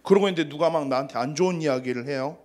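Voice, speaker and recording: A man's voice: on the high side, racing, a little mellow. A man in his thirties, a youth pastor, giving a casual, story-filled sermon to teenagers. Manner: casual storytelling with acted quotes.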